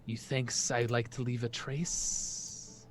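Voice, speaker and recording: A man's voice: mid-range voice, little pitch movement, slow, lightly acted. A man voicing a touchy snake creature in a tabletop game, hissing and drawing out his words. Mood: menacing hiss.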